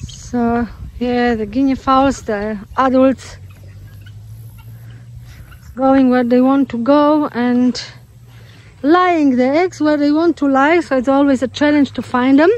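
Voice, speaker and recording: Slow and pausing often, an Australian homesteader's high, slightly mellow voice stays fairly even as she walks her rural garden and poultry with a phone camera. She narrates casually, leaning on fillers and a turn of phrase.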